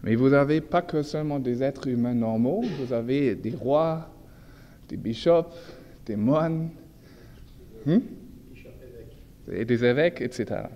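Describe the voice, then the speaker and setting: A man's voice: medium pitch, dark tone, dull audio. Echoey hall, man lecturing in German-accented French. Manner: halting, searching for words, self-correcting. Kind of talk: informal illustrated lecture. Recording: echoey hall with long reverb, background noise.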